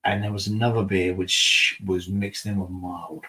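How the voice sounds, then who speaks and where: A man's voice: low voice, flat delivery, unhurried, bright, forceful tone. A man hosting a casual beer review live stream, chatting with viewers about their comments in a rambling, mumbling way. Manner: rambling and mumbling, self-mocking. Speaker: beer reviewer and channel host.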